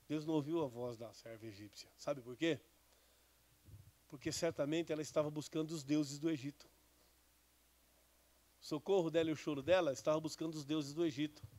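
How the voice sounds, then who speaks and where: A man, a bishop giving a conversational sermon with Bible readings and questions to the congregation. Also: a little high. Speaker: bishop preaching.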